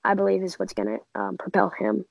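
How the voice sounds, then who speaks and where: A woman's voice: medium pitch, sing-song, brisk, gravelly, dry recording, muffled recording. A woman co-hosting a casual sports chat, giving confident, opinionated picks. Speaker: podcast co-host.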